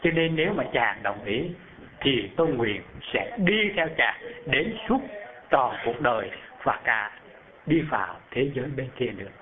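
A man voicing a devoted fourth wife who speaks softly, slowly and tenderly, heard over a phone-like narrow band. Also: medium pitch, big pitch swings, a crowd in the background. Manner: soft, slow, tender.

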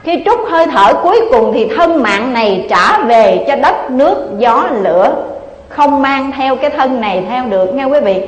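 A woman gives a Buddhist dharma talk, telling a parable and turning to her listeners with rhetorical questions. Her voice sits high. It echoes through a large hall with a long reverb. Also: lively intonation, normal speed. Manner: addresses listeners often, asking them rhetorical questions. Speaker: Buddhist preacher.

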